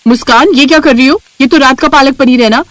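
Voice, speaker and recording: A woman voicing a haughty elder sister-in-law in a cartoon, loud and scolding. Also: low voice, normal speed, breathy edge, no echo, voice pushed down. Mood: angry.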